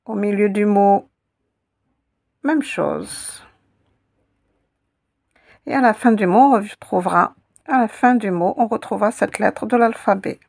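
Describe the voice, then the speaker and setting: A woman teaching an Arabic letter in a slow, step-by-step lesson, patiently repeating sounds for her students. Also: medium pitch, gravelly, darkish tone.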